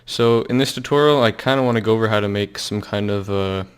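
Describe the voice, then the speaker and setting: A young man casually walking through a software tutorial, loose and halting with lots of fillers and restarts. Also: fairly low pitch, smooth. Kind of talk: casual screen-recorded tutorial.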